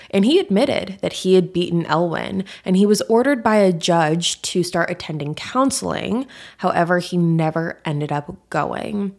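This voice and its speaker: Lower-pitched woman, true crime podcast narrator. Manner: true crime narrator, casual and direct to listeners. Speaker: podcast host.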